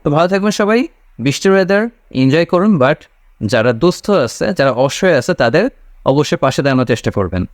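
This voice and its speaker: A man teaching English vocabulary in a casual spoken lesson, explaining slowly, repeating key words and checking in with "okay?". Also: fairly high pitch, lively intonation, no echo, clean studio sound.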